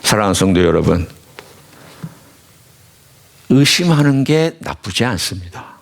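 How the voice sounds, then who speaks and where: A man's voice: lowish voice, very animated, a little slow, vocal fry. A male pastor giving a sermon in a church, preaching with animation and putting questions directly to the congregation. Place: church sanctuary.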